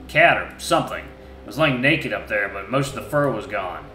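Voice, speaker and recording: A crude, ill-tempered wolf, voiced by a man, answering in short, blunt, swearing bursts. The voice is pushed a little higher and louder than the man's own, with a bright edge. It rings in an echoey room over faint music. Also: expressive, normal speed. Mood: grumbling.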